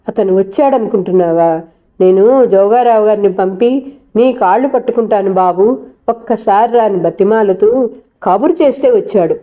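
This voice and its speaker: A woman's voice: medium pitch, warm tone, lightly acted. A woman voicing a stern elderly grandmother who speaks in a scolding, commanding way. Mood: furious. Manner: authoritative, scolding.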